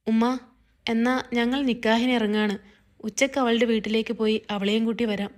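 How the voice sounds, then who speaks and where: A woman voicing a young husband in a read-aloud family story, in a soft, plain voice. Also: a little high, little pitch movement, normal speed, close to an everyday voice. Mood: matter-of-fact. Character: young husband, loving then distant.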